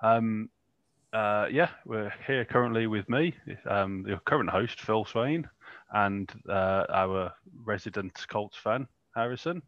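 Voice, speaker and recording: A man's voice: lowish voice, takes it slowly, dry recording, lo-fi sound. A man hosting a casual sports podcast, rambling and self-mocking with lots of fillers. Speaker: podcast host.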